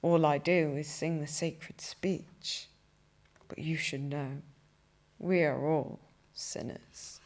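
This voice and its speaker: A young woman, a poet, reading her own poems aloud in a cathedral with slow, measured delivery. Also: sits low, steady tone, a little mellow. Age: young adult. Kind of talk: poetry reading.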